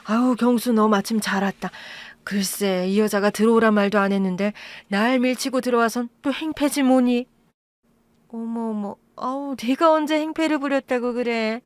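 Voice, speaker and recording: Woman doing a shrill, wheedling birth mother. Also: normal speed, no room sound, natural voice. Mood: indignant. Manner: wheedling, indignant, talks in high pleading bursts. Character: scheming middle-aged birth mother, pushy and shrill. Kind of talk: Korean audio-drama acting.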